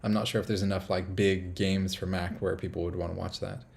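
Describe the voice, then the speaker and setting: A man's voice: low voice, little pitch movement, a little fast, gravelly, a little mellow. A man from the United States hosting a casual live stream from a small apartment, rambling upbeat and reading viewer comments aloud.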